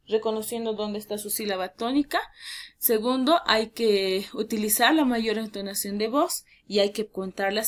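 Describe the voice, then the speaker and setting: Woman teacher explaining clearly. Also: on the high side. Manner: clear, emphatic, stresses syllables slowly. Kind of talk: explanatory lesson.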